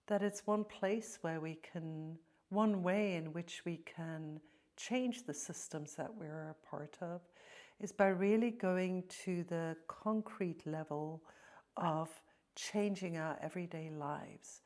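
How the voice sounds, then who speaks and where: Slow, thoughtful woman from South Africa. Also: fairly low pitch, a little mellow. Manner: slow, thoughtful, drops to near-whisper at times. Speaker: interview guest. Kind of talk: reflective interview talk.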